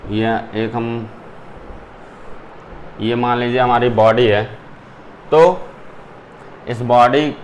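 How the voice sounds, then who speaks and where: Man, zoology teacher, step-by-step lecture, mid-pitched voice, faint hiss behind. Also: fairly even intonation, extremely slow, pauses often. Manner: explains step by step, mixing in English terms. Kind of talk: classroom lecture.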